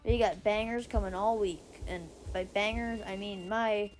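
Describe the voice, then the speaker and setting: A woman with a squeaky voice giving casual, rambling gameplay commentary, often going off on tangents and restarting her sentences. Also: fairly even intonation, measured pace, rough recording. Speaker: gaming video creator. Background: faint music and controller clicks.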